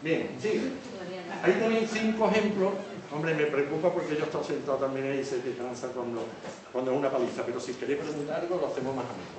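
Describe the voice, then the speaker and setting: A man with a somewhat raised voice lectures to an audience, stopping often to check that they follow. He is heard from a distance in a very echoey hall. Faint noise sits under the recording. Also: a little high. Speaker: teacher. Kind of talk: public lecture on word origins.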